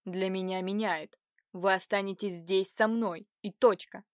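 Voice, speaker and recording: A brooding young man with a cold, possessive edge, as a woman reading the story puts him on. He speaks slowly and heavily, each word pressed low. The recording is close and dry, with no room around the voice. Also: expressive, dry recording, natural voice. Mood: cold, stern.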